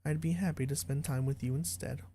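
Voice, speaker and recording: A man voicing a gentle, self-doubting teenage club president in a visual novel, soft and apologetic. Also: mid-range voice, fairly even intonation, fairly quick, lightly acted.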